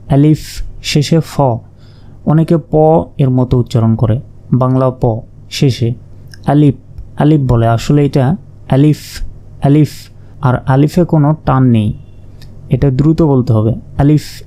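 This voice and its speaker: A man's voice: medium pitch, mellow. A man teaching Arabic letters in a patient, step-by-step lesson, repeating each sound and drawing some out. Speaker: Quran reading teacher. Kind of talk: slow recitation lesson.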